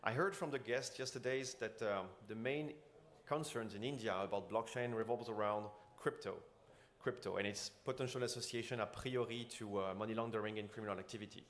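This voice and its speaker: A man's voice: lowish voice, steady tone, brisk. A man giving an earnest keynote talk at a conference, with frequent restarts and fillers. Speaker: conference speaker. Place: conference stage.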